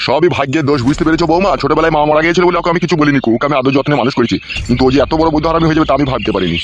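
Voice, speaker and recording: A man voicing an angry, then rueful father in an adult comedy cartoon, with rough abusive scolding. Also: on the high side, very fast, highs cut off, a little hiss or hum. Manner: rough shouted abuse, weary grumbling.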